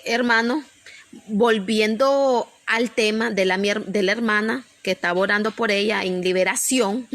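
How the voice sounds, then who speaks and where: A woman's voice: medium pitch, a bit bright. A woman preacher telling an emotional personal testimony to her congregation, earnest and repetitive, often restarting her sentences.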